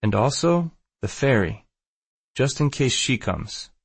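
A man voicing an earnest, cautioning shaman's apprentice with a Maltese accent and halting delivery in an audiobook. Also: mid-range voice, animated, vocal fry, breathy edge, no echo, pitched above the performer's own voice, heavily acted. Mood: earnest warning. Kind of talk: audiobook character dialogue.

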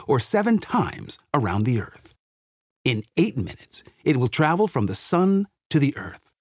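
A man narrating a science audiobook like a space documentary, with deliberate, dramatic phrasing. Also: a little high, dry recording, studio quality.

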